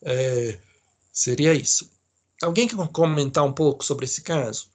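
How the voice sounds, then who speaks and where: Chatty Brazilian male teacher, higher voice. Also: measured pace. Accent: Brazilian Portuguese. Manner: casual, many fillers, checks in with students. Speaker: psychology lecturer. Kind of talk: online class reading a case aloud.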